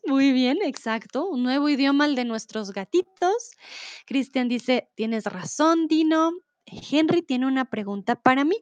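A woman's voice: high-pitched, no echo, muffled recording. A woman teaching Spanish in a live online class. She explains grammar patiently, reads out comments from the chat and slips into English to clarify.

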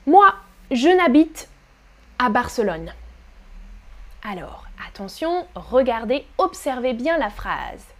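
A woman teaching a live online French pronunciation lesson, her voice high and light. She speaks slowly, says key words over and over for her learners, and cheers them on as she reads their chat comments. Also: big pitch swings, a bit bright. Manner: slow, carefully articulated, repeating words for learners.

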